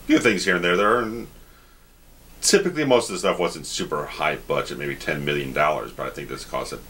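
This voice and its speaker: A man's voice: rumbling low, a little fast, bright, forceful tone, slight background noise. A man hosting a casual film commentary, explaining things informally and swearing freely. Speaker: host of a film commentary channel.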